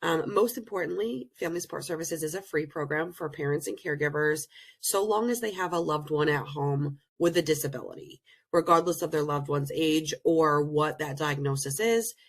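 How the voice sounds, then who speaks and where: A low-voiced woman, a presenter and program director, gives a webinar over a video call. She is slightly hoarse as she recovers from illness, explaining things earnestly with many pauses.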